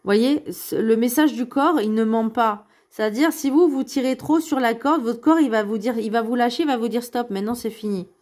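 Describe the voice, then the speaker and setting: Une femme d'âge moyen qui fait une guidance de cartes spirituelle, parlant directement à son public sur un ton sérieux et rassurant, avec beaucoup d'hésitations. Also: female voice, a little high, moderate pace, few pauses, darkish tone. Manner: earnest and reassuring, addresses viewers directly, many hesitations. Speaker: card reader giving a weekly guidance. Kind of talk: spiritual card reading, casual monologue.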